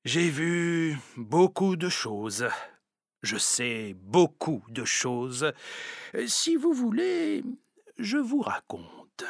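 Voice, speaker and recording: A man voicing a proud, wry old male house cat who narrates his story slowly, with chuckles. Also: a little high, very animated, gravelly, no room sound, clean studio sound, full character voice.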